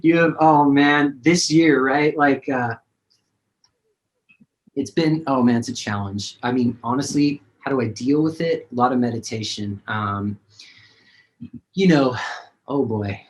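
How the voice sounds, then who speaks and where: A man's voice: medium pitch, measured pace, pauses often, low-quality recording. A man, a singer-songwriter, talking casually and rambling with many fillers in a video-call interview.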